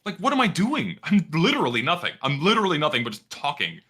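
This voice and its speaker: Bright-voiced Texan man, casual streamer. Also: fairly high pitch, huge pitch swings, fast talker. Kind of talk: casual commentary on a livestream.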